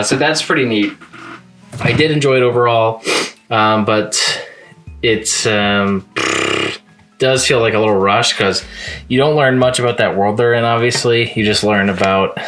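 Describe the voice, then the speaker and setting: A man's voice: on the low side, a bit bright. A man casually reviewing the manga he read that week, rambling along with lots of fillers and restarts. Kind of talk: casual reading-log review.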